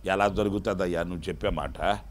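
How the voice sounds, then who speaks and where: A man's voice: fairly quick, slight background noise, close to an everyday voice. A man preaching who voices an old male priest, scoffing in disbelief and later struck mute and babbling. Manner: babbling strained high syllables. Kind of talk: sermon storytelling.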